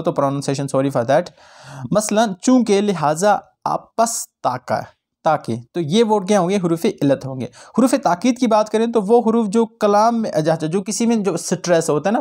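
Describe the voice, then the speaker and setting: High-voiced male teacher explaining grammar. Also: darkish tone. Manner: explains in Hindi-Urdu mixed with English words; acts out short example exclamations. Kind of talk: grammar lesson to students.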